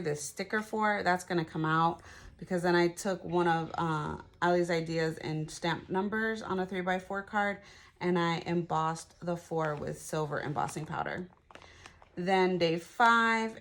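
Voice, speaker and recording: A middle-aged woman talking casually through her craft project at home, thinking aloud with plenty of fillers. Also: fairly low pitch. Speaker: craft vlogger.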